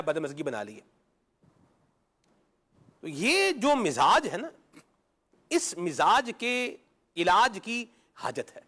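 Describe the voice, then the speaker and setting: A man's voice: sits high, fairly bright tone. A man on a talk show giving moral advice in style speech, explaining through everyday examples and answering his own questions. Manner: explains with homely examples, asks and answers himself. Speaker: religious talk show panelist.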